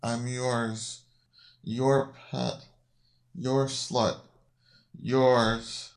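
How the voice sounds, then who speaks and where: A woman's voice: a bass voice, little pitch movement, pitched below the performer's own voice, heavily acted. A woman voicing a meek, entranced male sidekick who stammers and mumbles in a faltering way. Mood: dazed. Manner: slow, faltering, stammering murmur. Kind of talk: audio story reading.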